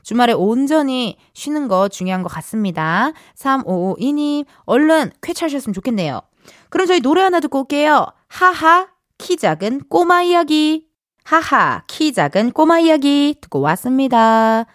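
A woman's voice: sits high, big pitch swings, normal speed, no echo. A young adult woman hosting a radio show in a studio, bubbly and playful, chatting and reading listener messages. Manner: bubbly, playful, reads listener texts with acted voices. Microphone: studio mic. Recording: dry studio sound with faint music behind.

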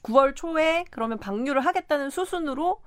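A woman's voice: high-pitched, animated, brisk. A woman reporter explaining news in a casual panel chat.

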